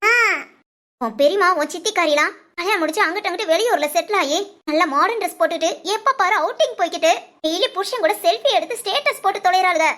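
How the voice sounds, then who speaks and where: A woman playing a sharp-tongued young mother who nags and scolds her family in a short drama. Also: very high-pitched, quick pace. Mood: complaining. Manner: nagging, cutting scolds.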